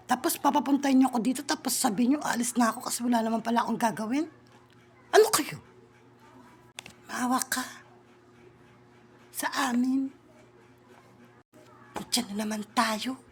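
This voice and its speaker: High-voiced bossy woman comedian. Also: slightly rough. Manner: bossy, teasing, with muttered whispered asides. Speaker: comedian in a classroom skit. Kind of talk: improvised comedy skit.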